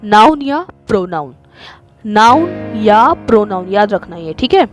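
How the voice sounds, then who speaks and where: A woman teaching an online English grammar lesson in Hindi. She reads each example sentence slowly, explains it, and keeps checking in with the class. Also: mid-range voice, very animated, faint music behind.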